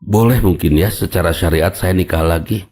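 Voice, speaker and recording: A man voicing a tearful married man softly confessing a worry to his teacher. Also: sits low, normal speed, pitched below the performer's own voice, lightly acted. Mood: confiding.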